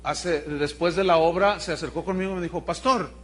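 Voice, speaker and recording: A man's voice: on the high side, steady tone, fairly quick. A man from Cuba preaching a sermon as pastor, telling stories with ironic asides.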